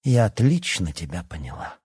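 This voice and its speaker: A man with a low, husky voice voicing a proud, blunt young werewolf princess in an audiobook. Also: sing-song, normal speed, a little mellow, dry recording, studio quality, exaggerated voice. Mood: cold, hurt.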